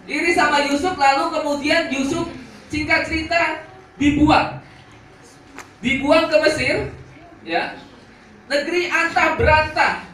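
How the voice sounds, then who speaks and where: A man preaching to students in a youth sermon, animated and asking the audience questions. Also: extremely high pitch, measured pace, long pauses, slight background noise. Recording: echoey hall, from far off.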